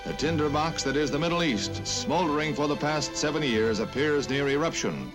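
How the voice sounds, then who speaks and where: A man's voice: a little high, lively intonation, moderate pace. An American man narrating a 1950s newsreel in a dramatic, punchy announcer's delivery. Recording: old newsreel soundtrack under loud music.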